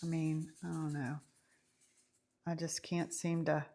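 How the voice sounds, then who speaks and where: A woman with a warm Southern lilt talks through a bread recipe in a home kitchen. She is casual and chatty, fills gaps with ums, and teases herself about small slips along the way. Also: sits low, level tone, slow pace. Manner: chatty, self-amused, many ums. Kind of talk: casual baking tutorial.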